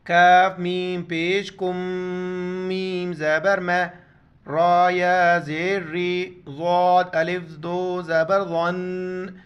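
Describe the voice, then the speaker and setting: A man teaches Quran recitation in a clear, smooth voice, pitched a little high. He spells out each letter and vowel mark, then draws out the recited words at a very slow, deliberate pace. The sound is slightly dull and lo-fi. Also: level tone. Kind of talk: word-by-word Quran recitation lesson.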